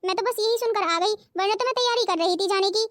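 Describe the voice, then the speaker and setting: A woman's voice: very high voice, quick pace, fairly bright tone, dry recording, studio quality. A woman voicing a sulky, demanding young college girl in a cartoon. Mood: pleading. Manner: whiny, sulky. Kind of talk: cartoon voice acting.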